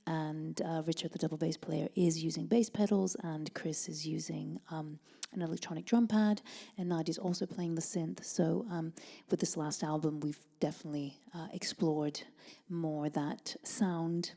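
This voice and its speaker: A woman's voice: sits low, steady tone, normal speed, gravelly. A woman from Italy, raised in Denmark, answering interview questions in a thoughtful, hesitant way and sometimes dropping to a near whisper. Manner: thoughtful, many ums and uhs; soft, at times drops to a whisper. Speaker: jazz vocalist and band leader.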